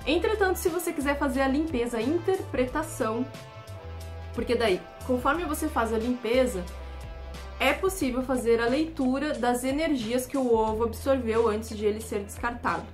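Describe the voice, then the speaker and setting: A woman's voice: sits high, normal speed, faint music behind. A Brazilian woman talking to her viewers in a casual, chatty way, explaining steps one by one with hesitant fillers. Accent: Brazilian Portuguese. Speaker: YouTube creator. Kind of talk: casual instructional talk.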